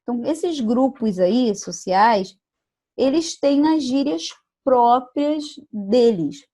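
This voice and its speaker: A woman's voice: fairly high pitch, animated, slow pace, mellow. A woman from Brazil teaching an online class, explaining patiently and checking in with her students, sometimes acting out sample phrases. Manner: explanatory, checks understanding with "tá bom?" and "né?"; acts out regional phrases in quoted voices.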